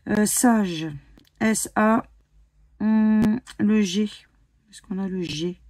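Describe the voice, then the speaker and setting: A woman's voice: mid-range voice, drawn-out words, darkish tone, no echo. A woman from France chatting casually as she scratches lottery tickets, spelling out letters one by one with many hesitations. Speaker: scratch-card YouTuber. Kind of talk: casual commentary while playing scratch cards.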